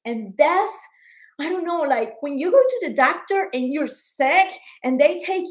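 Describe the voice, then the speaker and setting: In a personal video diary, a woman in her forties talks to the camera in a voice slightly higher than most. She is earnest and emotional, doubling back on words and gaining energy when something frustrates her.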